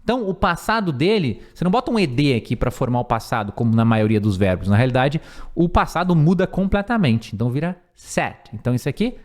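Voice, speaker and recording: A man teaching English phrases in a screen-recorded lesson, patiently repeating words and slowing down for each example. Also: fairly high pitch. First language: Portuguese. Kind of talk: language lesson explaining phrases.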